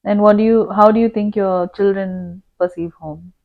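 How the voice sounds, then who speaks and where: A woman hosting a podcast, gently asking her father open questions and nodding along with soft affirmations. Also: mid-range voice, fairly even intonation, moderate pace, gravelly, phone-quality sound. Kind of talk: conversational interview.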